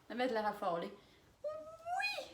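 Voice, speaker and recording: Recorded on a far-off camera mic that gives a roomy sound, a young woman with a Quebec accent tells a vlog story by herself in a room. Her mid-range voice moves at a moderate pace, with lively laughter and loud exclamations, and there's background noise.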